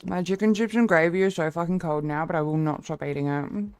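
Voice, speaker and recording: A woman's voice: on the low side, fairly even intonation, a little fast, clear, resonant tone, dry recording, faint music behind. A young woman streamer chatting casually with her viewers, rambling and swearing freely.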